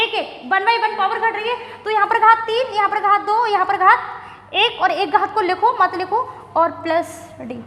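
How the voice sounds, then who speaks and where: Woman maths teacher, very high pitch, roomy echo, quizzing the class and answering herself. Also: a bit bright. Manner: questions and answers herself, repeats key words. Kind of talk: classroom lecture. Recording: echoey room with faint noise.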